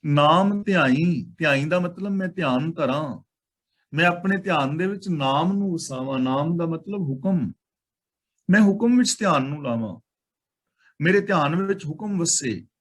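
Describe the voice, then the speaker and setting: A man with a Punjabi accent teaching Sikh scripture line by line. He intones each verse slowly, then explains it in plain everyday talk with some English words mixed in. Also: fairly high pitch, animated.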